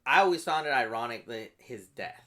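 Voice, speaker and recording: Man, podcast host, casual movie chat, bright voice, excited. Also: mid-range voice, brisk. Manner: excited, retells scenes with acted-out quotes.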